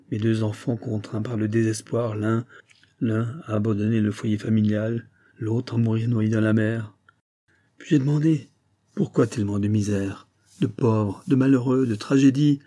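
A man reading the part of a desperate, impoverished father who pleads and then questions his faith bitterly, in a mellow, husky voice. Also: medium pitch, lightly acted. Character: despairing poor older father, bitter.

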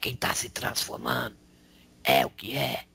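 A man channeling a male spirit who preaches in a slangy, raspy whisper, tagging lines with rhetorical questions. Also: medium pitch, sing-song, unhurried, pushed and bright, full character voice. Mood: preaching. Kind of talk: spiritual counsel.

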